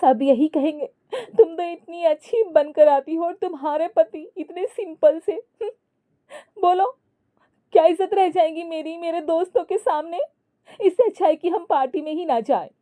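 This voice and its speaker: Woman doing a pushy stylish young wife, dramatic, high-pitched, mellow, storybook. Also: lively intonation, normal speed. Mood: insistent. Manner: insistent, dramatic. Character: fashion-obsessed young wife, bossy.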